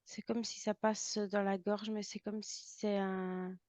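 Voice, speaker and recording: A woman with a French accent, describing impressions in a halting way, often pausing to search for words. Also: medium pitch, little pitch movement, darkish tone, no room sound. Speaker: intuitive medium. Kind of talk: hesitant channeled description.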